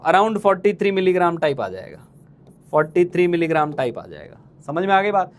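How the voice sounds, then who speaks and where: A man with a high voice teaching chemistry to exam students. He keeps firing the same question twice and teases the class fondly. His talk is quick and chatty, the way a coaching teacher talks. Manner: teasing, calls students playful names. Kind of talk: live online exam-prep lecture.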